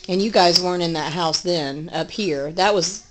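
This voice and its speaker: A woman's voice: fairly low pitch, moderate pace, noisy background. A woman chatting casually with family, prompting and reassuring as she listens. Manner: encouraging, reassuring.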